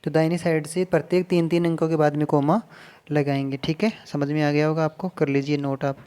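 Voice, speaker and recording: Male teacher, patient, counts out loud step by step, warm mellow tone. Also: fairly high pitch, little pitch movement, clear, resonant tone. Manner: patient, repeats and counts digits aloud slowly. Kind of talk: casual classroom explanation at a board.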